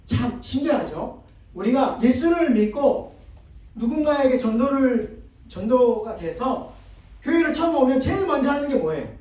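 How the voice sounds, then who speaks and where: A man's voice: very high-pitched, big pitch swings, normal speed, darkish tone. A male pastor giving a conversational sermon seminar, often prompting the congregation to repeat after him and answer his questions. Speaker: guest pastor. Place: church sanctuary. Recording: echoey church hall from far off.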